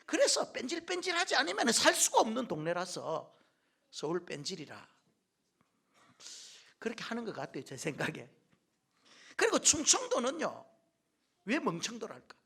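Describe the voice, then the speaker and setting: Gravelly-voiced pastor preaching with wide swings. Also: male voice, extremely high pitch, wildly swooping pitch, a little slow, pauses often. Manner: jokes with the congregation, swings from loud to near-whispered asides. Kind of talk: sermon. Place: church sanctuary.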